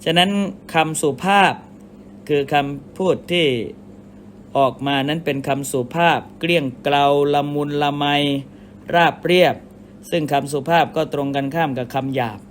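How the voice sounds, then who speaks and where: A man, a Buddhist monk, giving a measured dharma sermon and explaining with everyday comparisons. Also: on the high side, slight background noise.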